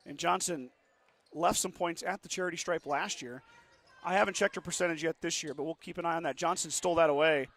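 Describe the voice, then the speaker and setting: A man calling high school basketball play-by-play with a sore throat, talking quickly and rising with the action. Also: a bit bright. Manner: quick play-by-play, rising with the action, reads sponsor ads fast. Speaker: play-by-play announcer. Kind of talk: local radio basketball commentary.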